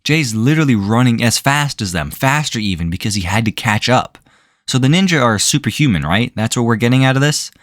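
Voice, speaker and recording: A man's voice: medium pitch, expressive, fairly quick, dry recording. A man giving sarcastic video commentary as a reviewer, with a dry, incredulous way of asking questions.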